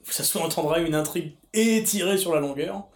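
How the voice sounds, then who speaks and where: A man co-hosting a podcast, chatting casually and agreeably, with some halting. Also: a little high, reverberant. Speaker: podcast co-host. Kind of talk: casual film chat.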